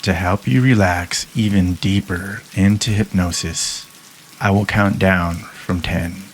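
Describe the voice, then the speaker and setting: Deep, slow, calm male hypnotist. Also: slight background noise. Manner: soft, calm and measured, with long pauses. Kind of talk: guided hypnosis induction.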